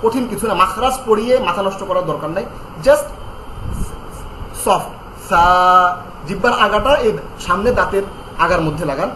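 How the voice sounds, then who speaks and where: A man teaching Quran pronunciation in an online lesson, drilling each letter sound slowly and repeating it, with calm step-by-step instructions on tongue placement. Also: high voice, reverberant, a little hiss or hum, rough recording.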